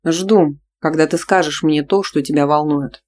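A reader voicing a jealous, domineering young man who speaks loudly and sternly in a storybook reading. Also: medium pitch, fairly even intonation, unhurried, lightly acted. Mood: calm, knowing. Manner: loud, stern, commanding.

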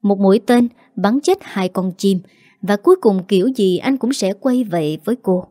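A woman reads a romance audiobook in a steady and dramatic way. Her voice is mellow and soft-edged. The recording is dry and close, with no room sound. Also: medium pitch, normal speed, dry recording. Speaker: audiobook narrator. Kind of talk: scripted story narration.

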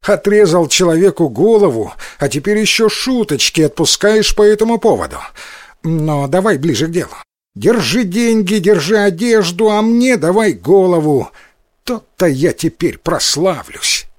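A man voicing a greedy, boisterous male bandit in a told tale, loud and mocking. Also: on the high side, very animated, measured pace, no echo, clean studio sound, voice pushed up. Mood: eager.

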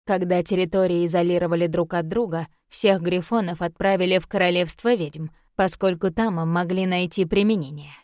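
A woman narrating a romance novel in a measured, even reading voice. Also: on the low side, no echo, studio quality. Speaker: audiobook narrator.

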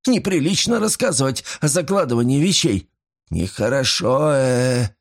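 A man voicing a nervous old male pawnbroker who pleads breathlessly, rising into shrill panic. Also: lively intonation, unhurried, darkish tone, husky. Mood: panicky.

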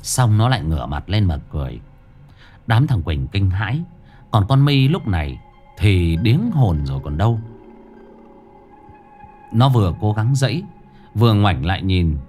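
A man's voice: sits low, a little mellow. A man narrating a ghost story expressively.

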